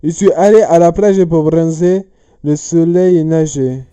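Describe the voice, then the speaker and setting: A man's voice: a little high, a little slow, mellow, clear, resonant tone, faint music behind, lightly acted. A man reading the part of a young woman suspect in a riddle, with a clumsy put-on foreign accent, stumbling and correcting himself as he goes. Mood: breezy.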